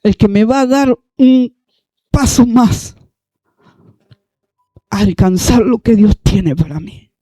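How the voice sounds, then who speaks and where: A preacher, a man, delivers a sermon in a folksy, direct way, calling his listeners brother. His voice is high and warm-toned, and the recording is close and dry. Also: expressive, slow pace, long pauses, no room sound. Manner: folksy, addresses listeners as brother, calls for repetition.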